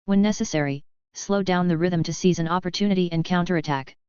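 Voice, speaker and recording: Woman reading as a warm-hearted gamer captain. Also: on the low side, fast talker, clean tone, no room sound, muffled recording, natural voice. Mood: friendly. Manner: friendly, sincere, encouraging. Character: cheerful young male team captain, pro gamer.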